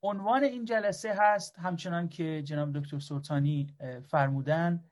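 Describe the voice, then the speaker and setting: A man moderating a lecture, giving a polite, formal introduction of the speaker with frequent hesitations. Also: fairly high pitch.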